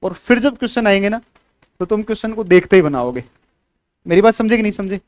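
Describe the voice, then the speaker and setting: A man's voice: high voice, lively intonation, fast talker, dry recording. A man teaching a classroom lecture, who keeps asking whether the students have understood and scolds them now and then.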